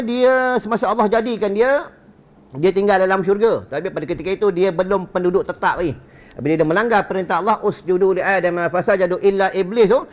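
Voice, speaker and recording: A man with a Malaysian Malay accent giving a religious lecture at a mosque gathering, rhetorical and joking, quizzing his listeners. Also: high-pitched. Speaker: religious teacher. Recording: dull lo-fi recording.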